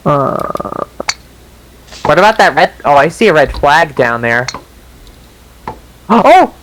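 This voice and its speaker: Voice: mid-range voice, very animated, slow, fairly bright tone, a little hiss or hum, rough recording. A player chatting casually with friends during a game. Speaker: player in a group gaming video. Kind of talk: casual gaming chat.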